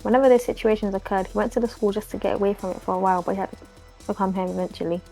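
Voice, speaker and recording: Fast-reading woman. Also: mid-range voice, little pitch movement, gravelly, warm tone, soft background music. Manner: reads quickly and evenly. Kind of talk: reading a story aloud with friends.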